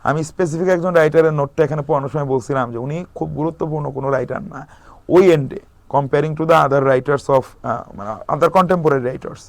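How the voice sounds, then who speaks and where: A young man gives a recorded exam-prep lecture, talking fast and explaining things over and over. He slips English terms into his sentences and stops on fillers as he thinks. His voice sits a little high and the sound is dry and close. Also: fairly even intonation, no echo.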